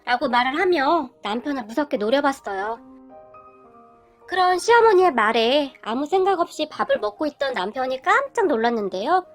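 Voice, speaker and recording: Woman story reader, high voice, lively pitch, expressive reading. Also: normal speed, faint music behind.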